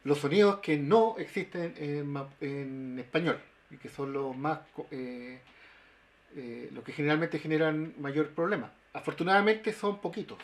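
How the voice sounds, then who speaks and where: A man, a linguist explaining pronunciation in a webinar, with halting speech full of fillers and restarts. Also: fairly high pitch. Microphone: video call.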